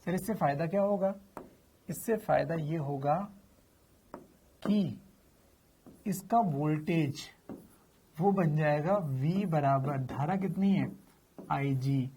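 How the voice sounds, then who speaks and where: A man's voice: fairly high pitch, slow pace, long pauses, warm tone, a little hiss or hum. A man teaching physics in a chatty, informal lecture, asking questions and answering them himself. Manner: addresses students familiarly, slips in slang.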